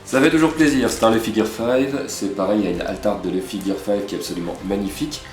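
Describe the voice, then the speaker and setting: A man's voice: on the low side, fast talker. A man hosting a card-opening video, chatting casually to viewers and exclaiming over each pull. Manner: excitable, exclaiming over cards, chatty asides. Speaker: host opening trading card packs. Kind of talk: casual unboxing chat to viewers. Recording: roomy room with background music.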